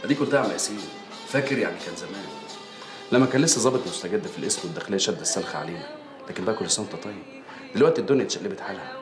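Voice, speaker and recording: Street-smart egyptian boss, quick low voice, echoey with music. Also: male voice, expressive. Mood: scheming. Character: shrewd Egyptian street boss, calm and scheming. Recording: roomy with loud music.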